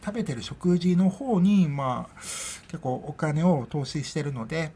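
A woman's voice: low voice, unhurried, mellow, breathy edge. A middle-aged woman hosting a casual solo podcast chat, rambling and chatty and laughing often, into her own microphone. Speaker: podcast host.

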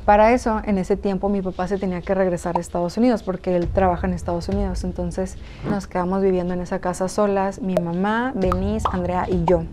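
A woman's voice: on the low side, fairly even intonation, brisk, mellow, a little hiss or hum. Chatty Mexican woman telling a story. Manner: chatty, addresses viewers directly, many fillers. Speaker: YouTuber telling a personal story. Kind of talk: casual storytime narration. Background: background music.

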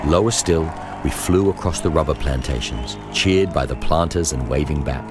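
Over clearly audible music, a man with an extremely deep voice reads a scripted first-person memoir in audiobook style, his delivery measured and deliberate.

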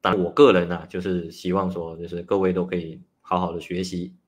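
A nutritionist hosting a casual livestream talk. He is a man who explains things in a chatty way and starts many phrases with a drawn-out "ah". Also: sits low, flat delivery. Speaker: nutritionist host.

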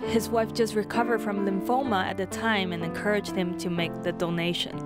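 A woman reading a scripted news voice-over in an even, measured way. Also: medium pitch. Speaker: news narrator. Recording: voice-over with loud music bed.

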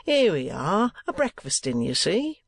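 A greedy, sanctimonious storybook schoolmaster, put on by a man reading aloud, who stretches his words in a slow, oily, moralizing way. The voice sits raised above the reader's own, and the recording is close and dry. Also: high-pitched, wildly swooping pitch, gravelly, breathy edge, dry recording, pitched above the performer's own voice, heavily acted. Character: greedy, sanctimonious male schoolmaster, middle-aged.

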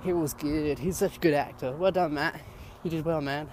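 A man's voice: a little high, fairly even intonation, normal speed, darkish tone. Young guy rambling to his camera on a walk, chatty and upbeat, wind and road noise behind him. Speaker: vlogger. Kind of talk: casual walking vlog. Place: outdoors walking by fields on a sunny day.

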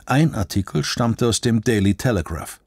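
A man narrating an audiobook in a steady, measured storytelling manner. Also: medium pitch, no echo.

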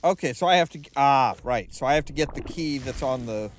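A man's voice: medium pitch, lively intonation, a little fast, slight background noise. A man giving casual commentary as he streams a game, indoors in a small room.

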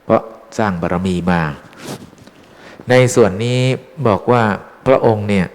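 A fairly low-voiced monk gives a relaxed dharma talk to lay followers, chatty and teasing as he quizzes them. His voice carries a long reverb off a big temple hall. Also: measured pace. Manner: chatty, teasing the audience with questions. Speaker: Buddhist monk teaching dharma.

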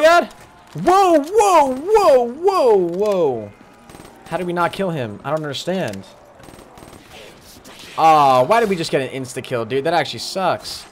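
A man commentating his live game stream, chatting along and greeting viewers by name with sudden excited outbursts. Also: fairly high pitch, slight background noise.

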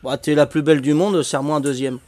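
Older guy streaming a game, jokey and chatty, kinda high voice, laughs a lot. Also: fairly even intonation, quick pace, a little mellow, slight background noise. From Corsica. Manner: jovial, laughs often, chatty filler "hein". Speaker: livestreaming gamer. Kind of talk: casual livestream chat with viewers.

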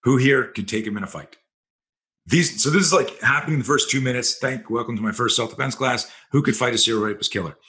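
A man's voice: mid-range voice, fast talker, pushed and bright. A man telling blunt, profane stories as a self-defense instructor on a podcast. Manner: blunt, profane, vivid storyteller. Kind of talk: storytelling in a podcast interview.

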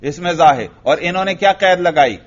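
A man with a Pakistani Urdu accent teaching Arabic grammar in a classroom lecture, asking questions and answering them himself, and reciting Arabic examples slowly. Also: fairly high pitch, animated. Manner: drills students with questions and answers. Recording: dull lo-fi recording.

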